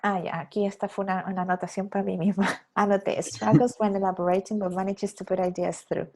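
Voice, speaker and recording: A woman's voice: mid-range voice, level tone, brisk, dark tone. A woman, an English teacher giving feedback on a video call, correcting and explaining patiently. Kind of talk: online class feedback.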